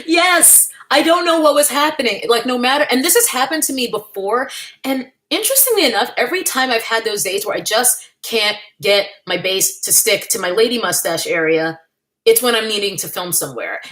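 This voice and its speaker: With a fairly high, animated and slightly bright voice at normal speed, a young woman chats with her livestream audience from home. She's candid and chatty, reads the chat, laughs frequently and makes playful asides.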